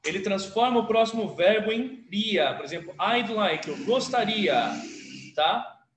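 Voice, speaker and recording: A man with a fairly high voice that rises and falls a lot, teaching an English class. He reads practice dialogues and explains words slowly and patiently, recorded in an echoey room. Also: expressive, background noise. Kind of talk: online video lesson.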